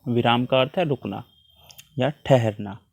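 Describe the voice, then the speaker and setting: A man's voice: medium pitch, unhurried, vocal fry, darkish tone. A man teaching a worksheet lesson to children, patiently explaining with repeated examples.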